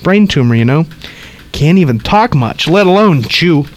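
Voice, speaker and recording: A woman's voice: low voice, expressive, moderate pace, a little hiss or hum. A man voicing a nosy, rambling old woman who chatters and cackles, tacking "though" onto her sentences. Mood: gossipy.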